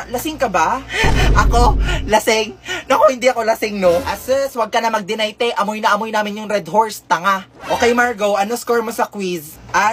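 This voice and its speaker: A woman performing comedy sketches, switching between schoolgirls and a teacher with a sassy, quick delivery. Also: medium pitch, a bit bright. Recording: background music under the voice.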